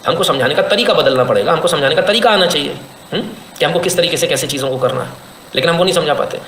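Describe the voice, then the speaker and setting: A man's voice: a little high, fast, a bit bright, reverberant, slight background noise, poor audio. A man doing live commentary on a stream and reading viewer comments, talking emphatically with rhetorical questions and sarcastic laughs.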